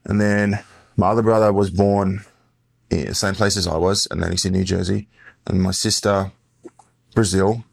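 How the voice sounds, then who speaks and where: Low and gravelly with an Australian accent, this podcast guest in his forties was born in the US and grew up in Western Australia. He rambles and corrects himself as he tells stories in casual interview talk, with little pitch movement, a moderate pace, and frequent pauses.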